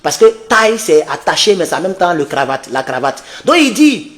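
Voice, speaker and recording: A man who reads an English article slowly, translates it into for his viewers and comments with impassioned rhetorical questions. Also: a little high, big pitch swings, a bit bright. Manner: repeats refrains to address his viewers. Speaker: political commentator.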